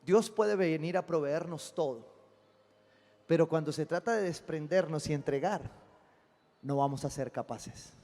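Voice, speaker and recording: A man, a pastor preaching a lively sermon and acting out little dialogues. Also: on the high side, a little slow, pauses often, long reverb tail. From Colombia. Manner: animated preaching, acting out dialogues with God and listeners. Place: church sanctuary.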